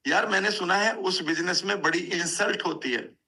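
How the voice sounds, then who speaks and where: A man doing a friend back from abroad who won't let a point go. The voice sits higher than the speaker's own and comes out pushy and insistent, bright and edgy, with a gravelly catch. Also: normal speed. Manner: pushy, repeating himself.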